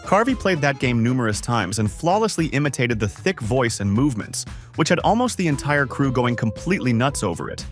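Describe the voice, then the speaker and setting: A man narrates with a lively, swooping pitch and hyped-up energy. Soft music plays under his voice, and he sounds polished and scripted. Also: brisk, hardly any pauses. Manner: upbeat, hyped-up delivery. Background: faint background music.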